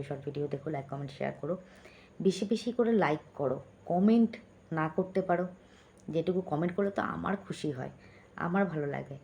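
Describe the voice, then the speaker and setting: A woman vlogger speaking softly right up close to her phone late at night at home, chatting with viewers and reading out their comments. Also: low voice, gravelly, a little hiss or hum. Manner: chatty, keeps checking in with listeners. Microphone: phone held close.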